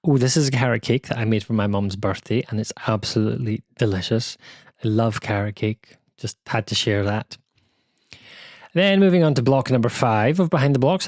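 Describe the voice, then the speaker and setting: A man's voice: medium pitch, a little mellow, dry recording, studio quality. A man from the UK with a British accent, chatting casually and self-deprecatingly as host of a quilting channel. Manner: chatty and self-deprecating, with many asides and restarts. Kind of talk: casual chat. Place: home sewing room.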